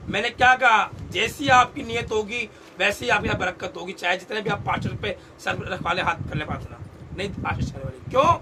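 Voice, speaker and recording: A man's voice: high-pitched, a little fast. A man preaching a sermon to a congregation, often asking questions and having them repeat his words back. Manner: quizzes the congregation, repeating phrases. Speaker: pastor. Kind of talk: call-and-response sermon. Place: church hall. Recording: loud background noise.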